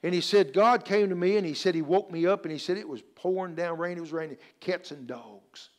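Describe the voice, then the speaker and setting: Man, pastor delivering an earnest sermon, voice on the higher side for a man. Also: a little fast. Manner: earnest preaching with quoted scripture and stories. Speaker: preacher.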